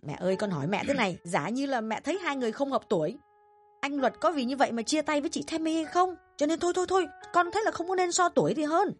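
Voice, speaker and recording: A woman's voice: sits high, lively intonation, fast, faint music behind. A woman voicing a tactful young daughter. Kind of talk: audio drama reading.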